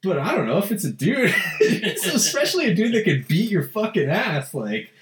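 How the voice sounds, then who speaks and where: Laid-back man with very lively pitch. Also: normal speed, echoey room. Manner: laid-back, joking, says "man" a lot. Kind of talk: casual chat.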